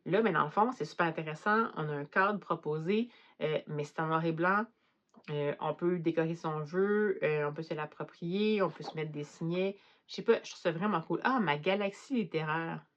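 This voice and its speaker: A woman's voice: sits low, normal speed, lo-fi sound. A young woman with a Québécois French accent, chatting casually about books with many fillers and restarts. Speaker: book vlogger. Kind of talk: casual chat.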